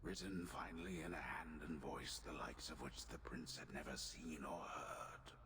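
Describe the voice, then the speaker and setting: A man voicing a solemn epic storyteller, narrating in a hushed, gravelly tone. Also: rumbling low, moderate pace, very noisy. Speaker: game narrator. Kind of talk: scripted narration.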